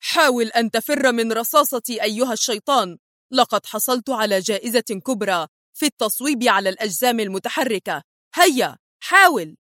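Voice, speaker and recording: A woman's voice: expressive, a little fast, fairly bright tone, dry recording, studio quality. A woman doing a fierce female spy. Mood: threatening. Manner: shrill, threatening.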